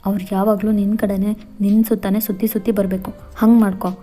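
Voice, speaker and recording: A woman's voice: medium pitch, level tone, fairly quick, warm tone, faint music behind, lightly acted. A woman voicing a middle-aged mother who lectures her daughter in a scolding tone. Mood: lecturing.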